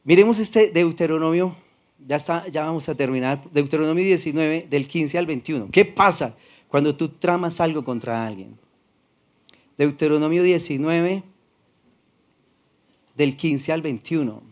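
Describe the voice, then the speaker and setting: Soft-spoken Paisa Colombian pastor. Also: male voice, fairly high pitch, measured pace, long pauses. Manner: soft-spoken, does not shout; conversational, acts out dialogues. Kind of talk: sermon.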